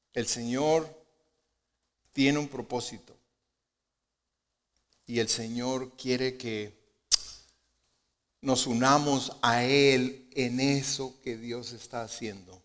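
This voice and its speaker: Man, pastor, sermon, rhetorical questions, soft-to-loud swings, long church hall echo. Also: slow, long pauses. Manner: preaching with rhetorical questions and frequent "¿verdad?"; swings between soft low asides and loud emphatic lines. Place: church sanctuary.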